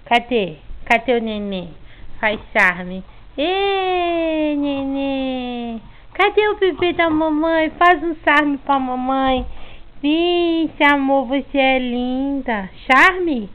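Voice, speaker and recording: A woman's voice: high-pitched, expressive, drawn-out words. Cooing woman in baby talk. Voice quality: sing-song, cooing. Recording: tinny phone-like audio, faint noise.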